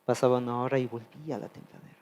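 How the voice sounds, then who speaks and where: A man preaching a testimonial sermon, earnest and confessional, moving between loud pleading and soft, low asides. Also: steady tone, very fast, muffled recording.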